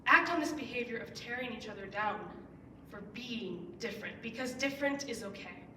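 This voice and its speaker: A woman's voice: a little high, lively intonation, normal speed, sharp tone, slight background noise. A young woman in her late teens, a student giving a persuasive speech from a school stage in an earnest way, pushing key words up with emphatic rises. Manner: earnest, with emphatic rising stresses. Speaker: student speaker. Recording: roomy echo, heard from some distance.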